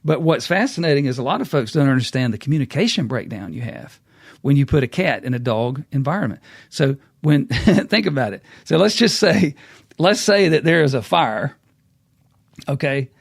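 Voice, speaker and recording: A man's voice: mid-range voice, very animated, moderate pace, creaky, breathy edge, no echo, studio quality. A middle-aged man, hosting a casual business talk and acting out quotes as a folksy storyteller. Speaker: podcast host.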